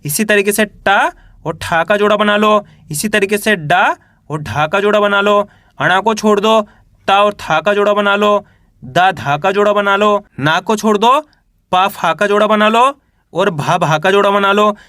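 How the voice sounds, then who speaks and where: A man's voice: sits high, unhurried, pushed and bright, dry recording, studio quality. A man teaching reading, patiently drilling each letter with repeated questions and example words. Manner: patient, repetitive drilling of syllables. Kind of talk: classroom-style spoken lesson.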